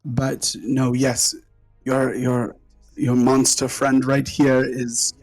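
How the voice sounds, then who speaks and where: A man voicing a formal, courteous female scientist who is trapped in her laboratory and speaks in halting phrases. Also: medium pitch, completely flat delivery, a little mellow, soft background music, rough recording. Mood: earnest.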